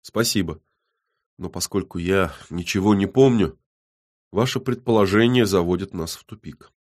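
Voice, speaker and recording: Man voicing a brooding loner: low, flat, calm and gloomy. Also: moderate pace. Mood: grim. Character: gloomy quiet man with inner beast.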